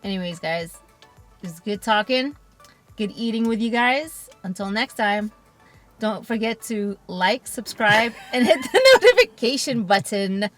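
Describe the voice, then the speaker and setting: A woman co-hosting a casual mukbang chat, playful and quick to giggle. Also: medium pitch, animated, soft background music. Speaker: mukbang co-host.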